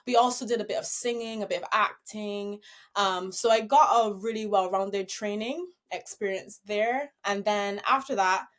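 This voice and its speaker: A young woman from Barbados talks through her dance career as an interview guest, upbeat and laughing easily. Her voice sits at an ordinary pitch for a woman and flows like casual storytelling. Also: normal speed. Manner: upbeat, laughs easily while telling stories.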